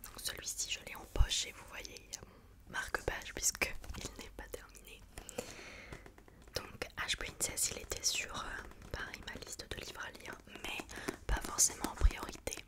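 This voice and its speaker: A woman talks entirely in a hushed, unvoiced library whisper. Her delivery is an informal ASMR book chat, breathy and soft, with a hesitant, searching way of putting things. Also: normal speed.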